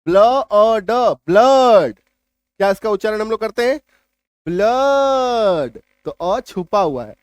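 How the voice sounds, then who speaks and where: A male English teacher with a high-pitched voice gives a spelling lesson, repeating key points and asking his students if each one is clear. He's recorded close and dry, with no echo or room sound.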